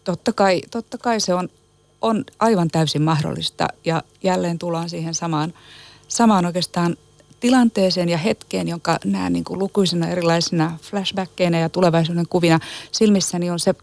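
A woman's voice: lowish voice, creaky, a little mellow, dry recording. A woman literary agent answering interview questions with emphasis, listing words one after another and often repeating words as she starts a phrase. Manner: emphatic, piles up lists of words.

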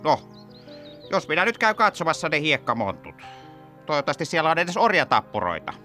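Cartoon scapegoat, mournful, bleats a lot, bright and tense tone. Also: male voice, on the high side, sing-song, faint music behind. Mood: resigned polite. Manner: bleats between sentences, politely resigned.

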